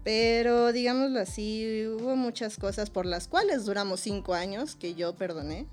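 A woman with a Mexican accent, a podcast guest in casual chat, telling stories in an animated way and laughing often. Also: fairly high pitch, moderate pace, soft background music.

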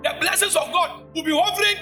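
A man preaching in church with a strikingly high, bright and piercing voice. He shouts his points and keeps calling out to the congregation for answers. Faint music plays behind him. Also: fast talker. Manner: shouting, call-and-response preaching. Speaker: pastor. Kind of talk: sermon. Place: church service.

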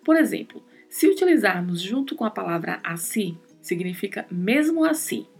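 A woman's voice: mid-range voice, very animated, normal speed, breathy edge, faint music behind. A woman hosting a podcast, teaching Spanish in a careful, scripted lesson and spelling out words and sounds. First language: Portuguese.

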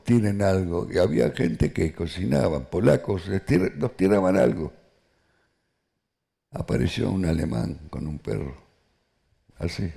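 An older man gives halting personal testimony, full of restarts and quoted lines. His voice sits very low and carries a gravelly fry. The tone is dark and mellow. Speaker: Holocaust survivor giving testimony.

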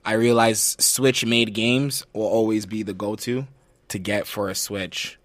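A young man chatting casually as a podcast host, rambling excitably with street slang and swearing. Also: lowish voice, measured pace, no echo. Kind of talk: casual chat.

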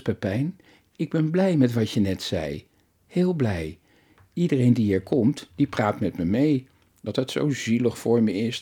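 A man voicing a lonely, grieving old widow who speaks gently and reflectively, in an audiobook story. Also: mid-range voice, breathy edge. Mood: grateful.

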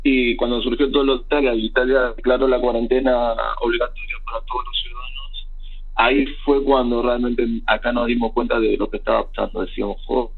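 Speaking with an Argentine Spanish accent, this young man has a mid-range, slightly husky voice and is recounting his story as a guest in a remote interview. His thoughts meander, with plenty of fillers and false starts, and the audio sounds thin and tinny, like a phone call.

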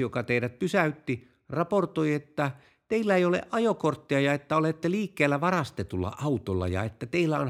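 A man's voice: a little high, pitched above the performer's own voice. A man voicing a cautious, puzzled male police chief in a told joke, who speaks hesitantly.

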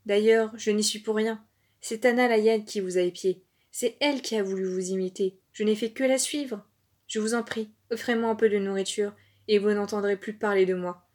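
A woman's voice: medium pitch, steady tone, moderate pace, a little mellow, close to an everyday voice. A woman voicing a timid male rat trapped in a gourd, pleading to be freed. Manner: pleading, fearful.

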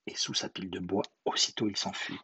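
A man reading a bedtime story aloud in a soft, slow, expressive way. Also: low voice, gravelly, breathy edge. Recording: dull lo-fi recording.

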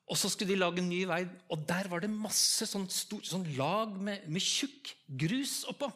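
A man with an Eastern Norwegian accent delivers a sermon in a notably high voice. He tells personal stories in an easy, conversational way. He keeps pulling his listeners in with direct questions. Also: a bit bright. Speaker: preacher. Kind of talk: storytelling sermon to a live audience.

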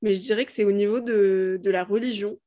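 A woman's voice: medium pitch, fairly even intonation, a little fast, dark tone. A woman in her twenties from Morocco, a guest in a casual podcast discussion, speaking thoughtfully with many hesitations. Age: 20s.

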